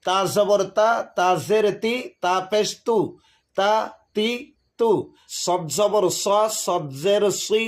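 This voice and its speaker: A man teaching Quran reading, slowly reciting drills of letters and their vowel sounds. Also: high voice, fairly even intonation. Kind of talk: slow recited lesson.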